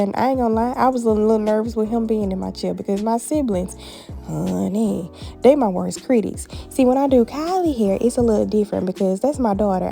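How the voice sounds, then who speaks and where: Talking directly to her audience, a woman shares a hair tutorial from a family home, lively, chatty, and teasing them with "honey" and "baby". Her voice is medium in pitch and creaky.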